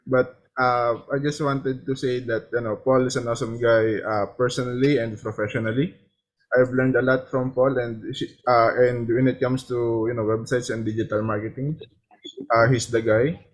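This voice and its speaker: A man who is not a native English speaker, talking haltingly on a video call. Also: medium pitch, little pitch movement. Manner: halting, with many fillers and restarts. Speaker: meeting member. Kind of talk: casual video-call chat.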